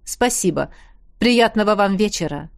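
A woman voicing a tall, friendly male celebrity actor who talks in a relaxed, chatty way. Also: medium pitch, measured pace, gravelly, no echo, studio quality.

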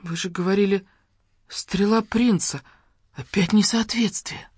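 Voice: medium pitch, a little slow, a little mellow, husky, dry recording, pitched above the performer's own voice. A reader voicing a confused young woman who protests and groans, close to the reader's own voice. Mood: indignant. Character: bewildered, indignant young woman.

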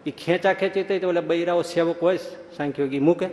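A male swami giving a storytelling sermon, lively and acting out the people in his stories. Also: a little high, a little fast. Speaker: swami preacher. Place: large hall at a religious school. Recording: echoey hall, faint background hum.

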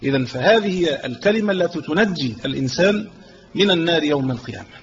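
A man with a fairly high voice teaches a religious lesson at a measured, deliberate pace, slowing down on quoted verses and repeating key phrases. The recording is dull and lo-fi with a faint hiss behind him. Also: expressive. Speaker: sheikh teaching creed.

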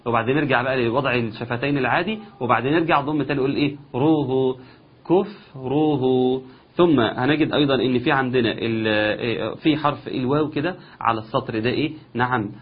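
A man with an Egyptian accent teaching Quran recitation, explaining each rule step by step and slowly chanting example verses. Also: medium pitch, breathy edge. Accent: Egyptian Arabic. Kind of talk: recitation lesson. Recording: dull lo-fi sound.

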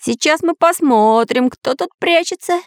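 A woman's voice: high voice, lively intonation, unhurried, dry recording, pitched above the performer's own voice. A brave little iron man, as a woman reader puts him on, bold and blustering in a storybook tale. The voice is dry and close.

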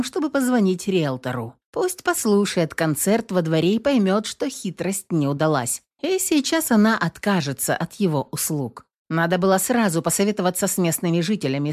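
A woman reading a novel aloud as an audiobook narrator, expressive and acting each character. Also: on the low side. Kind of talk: scripted narration.

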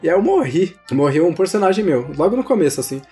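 A man's voice: high voice, sing-song, quick pace, warm tone. A young man with a Brazilian Portuguese accent, chatting casually and telling stories about video games in slangy, informal speech. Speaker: gaming podcast host. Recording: music playing behind the voice. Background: background music.

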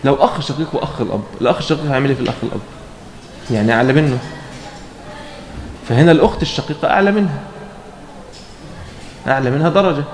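Teaching in an echoey room, an Egyptian man with an Egyptian Arabic accent reads a fiqh passage, then explains it with frequent check questions. His medium-pitched voice is rapid-fire with long pauses, and there's slight background noise and faint ambience.

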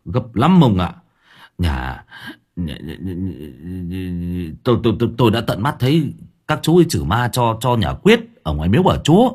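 A man's voice: low-pitched, very animated, normal speed, a little mellow, husky, full character voice. A man voicing a frantic male villager who calls out and stumbles over his words. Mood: urgent. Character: frantic male villager bringing urgent news.

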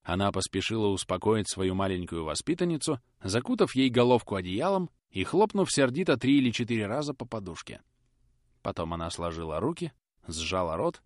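Expressive male audiobook narrator. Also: lowish voice, no room sound, studio quality. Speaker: audiobook reader.

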